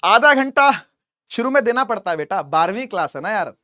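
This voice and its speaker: High-voiced chatty male physics teacher. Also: animated, a little fast, pushed and bright, dry recording, studio quality. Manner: chatty, addresses students as beta, repeats "theek hai". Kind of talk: online class lecture.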